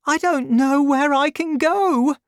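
A woman voicing a frightened young woman who pleads in a high, strained voice. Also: slow, no echo, studio quality. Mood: anxious.

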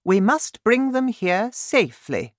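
A man's voice: sits high, big pitch swings, slow, dry recording, clean studio sound, voice pushed up, full character voice. A man voicing a firm, commanding queen in a storybook reading. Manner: commanding, decisive. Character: stately, firm human queen, woman.

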